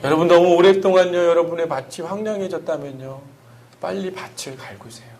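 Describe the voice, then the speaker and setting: A man's voice: high-pitched, fairly quick, darkish tone. A man, a pastor, preaching an earnest sermon with emphatic rhetorical questions to his congregation.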